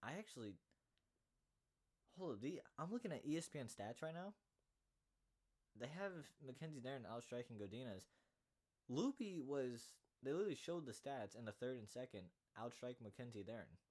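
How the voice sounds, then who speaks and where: Young male MMA podcaster, indignant casual rant, mid-pitched voice. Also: big pitch swings, normal speed, long pauses, darkish tone. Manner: heated, indignant, swearing. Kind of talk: casual ranting recap.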